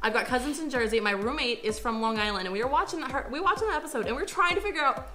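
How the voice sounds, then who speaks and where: A woman from Philadelphia co-hosts a casual review chat, speaking emphatically and stumbling through fillers. Her voice sits a little high, and music plays clearly in the background. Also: animated, racing, pushed and bright. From Philadelphia, United States. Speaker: podcast co-host.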